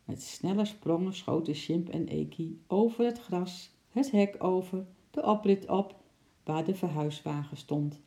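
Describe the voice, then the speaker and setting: A woman narrating a children's audiobook in a lively, expressive way, adding playful sound effects. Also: lowish voice, a little slow. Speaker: storyteller.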